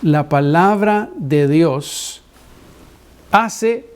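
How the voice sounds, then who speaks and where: A man preaching a sermon, a pastor who tells a personal story with lively acted-out dialogue and frequent restarts. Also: on the high side, very slow, clear, resonant tone.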